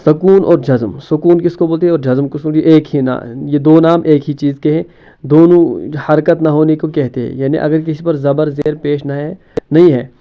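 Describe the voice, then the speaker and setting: A man's voice: a little high, dull audio. A man teaching a grammar lesson, explaining terms step by step, asking questions and answering them himself, often repeating words and mixing in English terms. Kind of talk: classroom-style lesson explanation.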